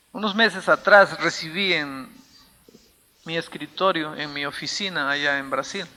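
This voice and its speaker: A man's voice: a little high, bright, forceful tone, big-room sound. A male pastor preaching a sermon, emphatic and telling a story from the pulpit.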